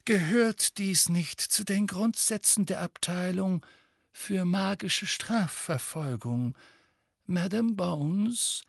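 A calm, courteous old wizard speaks softly and unhurriedly, a touch raised in pitch, as a male narrator puts him on. The recording is close and dry. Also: gravelly, no echo, full character voice. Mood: polite. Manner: gentle, amiable, measured.

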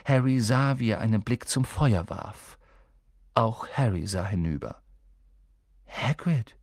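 A man narrating an audiobook in a scripted, expressive way. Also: on the low side, no echo, studio quality. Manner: expressive, character voices.

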